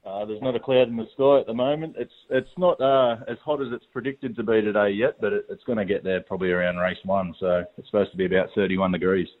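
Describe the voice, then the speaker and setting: Casting: Australian male, laid-back tradesman type, lowish voice, casual track manager's phone report, slightly muffled line. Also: fairly even intonation, quick pace, few pauses. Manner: laid-back, matey Aussie tradesman way of talking. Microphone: phone call to a radio show.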